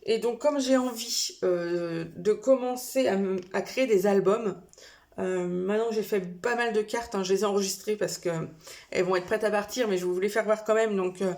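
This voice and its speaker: Here a woman speaks at medium pitch and normal speed in a darkish tone, presenting a shopping haul to camera. She chats casually but hesitantly, with frequent fillers and minor corrections.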